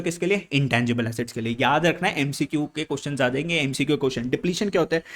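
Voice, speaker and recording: A male teacher giving an energetic lesson. He keeps putting questions to the class, answers them himself, and addresses the students as brother or child. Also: on the high side. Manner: banters with students, calling them "bhai" and "beta". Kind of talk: energetic classroom-style lecture. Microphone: microphone he points to as an example.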